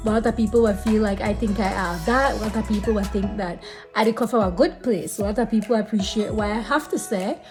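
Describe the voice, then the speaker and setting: A woman's voice: medium pitch, fairly quick, music in the background. A woman in her late thirties with a Belizean Creole accent, talking casually and earnestly, repeating phrases for emphasis as she offers encouragement. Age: late 30s. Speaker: vlogger giving faith advice. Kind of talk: casual talk to camera with spiritual encouragement.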